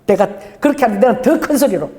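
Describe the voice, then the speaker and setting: A woman's voice: fairly high pitch, expressive, fast, warm tone, in a large hall. A middle-aged woman pastor preaching a sermon with call-and-response and laughing asides. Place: church sanctuary.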